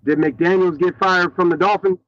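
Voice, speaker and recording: A man's voice: high voice, fairly even intonation, moderate pace, fairly bright tone, no echo. Male co-host, slangy sports banter, muffled dull laptop sound, dry and close. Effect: muffled sound, as if a hand is over the mic. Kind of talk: casual sports chat.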